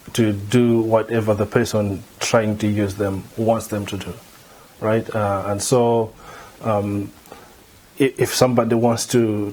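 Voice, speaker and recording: Measured man from Malawi explaining theology. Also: on the low side, a little mellow. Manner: measured, repeats words while thinking. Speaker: theology lecturer, interviewee. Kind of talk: interview answers, explanatory. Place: indoor room before a banner.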